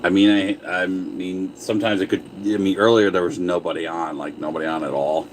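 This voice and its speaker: Low-voiced man rambling on a live stream. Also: steady tone, a little fast, slight background noise, poor audio. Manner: rambling, reads and answers viewer comments; talks with his mouth full. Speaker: livestream host. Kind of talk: casual livestream chat while eating.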